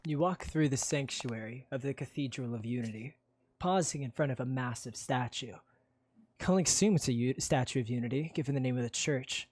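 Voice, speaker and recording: A man narrating a role-play game as game master in a steady, descriptive way. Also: medium pitch, a little fast.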